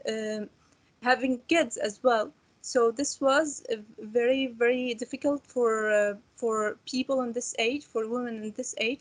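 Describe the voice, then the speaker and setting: A young Syrian woman, a refugee student on a panel, speaks hesitantly in a roundtable discussion. Her voice is a little high, and her speech is full of fillers and restarts.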